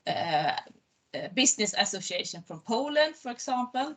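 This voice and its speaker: Bright-voiced woman presenting on a panel. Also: fairly high pitch, sing-song, moderate pace. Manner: hesitant, repeats words. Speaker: panel guest, mentor.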